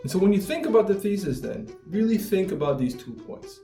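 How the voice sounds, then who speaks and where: A man's voice: sits high, very animated, brisk, vocal fry, warm tone. A man teaching academic writing, explaining step by step over slides and often checking in with "right?". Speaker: writing instructor. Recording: roomy echo, mic at a distance, faint music.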